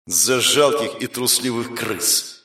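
A man voicing a mocking, masked two-faced male monster with slow, sneering speech. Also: medium pitch, bright, forceful tone.

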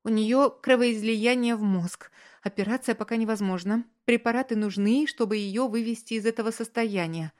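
Woman doing a tearful young woman, high breaking voice, distraught, audiobook reading. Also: normal speed, natural voice.

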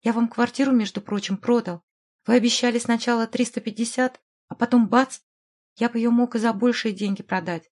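A woman's voice: fairly high pitch, fairly even intonation, fairly quick, natural voice. A woman voicing an irritable, indignant middle-aged man in an audiobook, speaking agitatedly. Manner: agitated, shouting, exasperated. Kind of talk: audiobook character voice.

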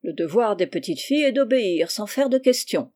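Storybook role: a crabby old female maid, curt and preachy, mellow-toned delivery, read by a woman. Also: medium pitch, animated, fairly quick, lightly acted. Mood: stern. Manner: sententious, curt. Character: stern, sour old female housemaid. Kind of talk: audiobook character reading.

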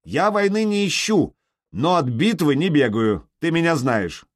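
A man's voice: on the high side, lively intonation, measured pace, voice pushed up. A man doing a bellowing jarl on a fortress wall. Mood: defiant. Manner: bellowing, curt, defiant. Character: gruff jarl shouting from a fort wall.

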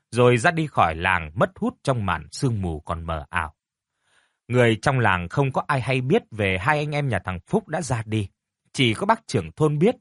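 A man narrating a folk story in an expressive, measured way. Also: mid-range voice, no echo, clean studio sound.

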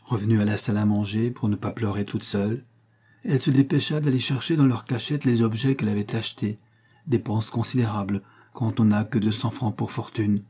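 A man reading a literary tale aloud in a measured, expressive storytelling manner. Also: fairly low pitch, slightly rough. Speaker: reader. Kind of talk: scripted narration of a literary tale.

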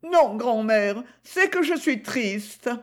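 A woman reading a story aloud and voicing a fifteen-year-old girl, speaking softly and plaintively with some hesitation. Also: a little high, sing-song, slow, voice pushed up, exaggerated voice. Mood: sad.

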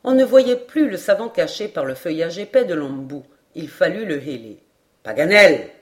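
A woman's voice: on the low side, moderate pace. Woman narrating an adventure novel. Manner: animated storytelling. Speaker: audiobook reader. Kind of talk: expressive audiobook narration.

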